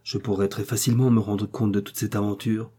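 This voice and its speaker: A man's voice: on the low side, flat delivery, fairly quick, dark tone, breathy edge. A man voicing a timid, easily frightened innkeeper who pleads in a fluster. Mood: musing.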